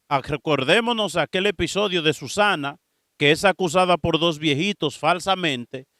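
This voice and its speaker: A man's voice: a little high, dry recording, studio quality. A priest preaching a sermon, telling Bible stories and speaking straight to his listeners. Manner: preaching with lively storytelling, acting out dialogue; addresses listeners directly.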